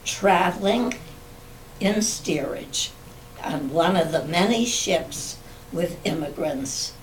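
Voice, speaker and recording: An older woman, a guest poet, reading her own poems aloud with a slow, measured recitation at a community club. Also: on the low side, lively intonation, far from the mic, slight background noise, poor audio.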